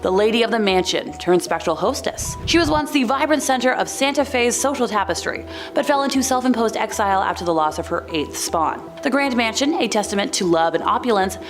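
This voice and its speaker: A woman's voice: on the high side, animated, fairly quick, hardly any pauses. A woman reading scripted countdown narration, slipping in wry, casual, jokey asides. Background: background music.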